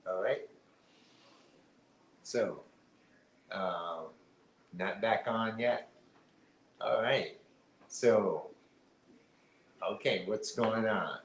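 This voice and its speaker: A man with a very deep voice talks through a casual live stream, circling back on himself with fillers and restarts. His voice rings in a roomy, echoey space over a faint hiss. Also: extremely slow, pauses often. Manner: rambling, many fillers and restarts. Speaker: co-host. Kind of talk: casual livestream chat.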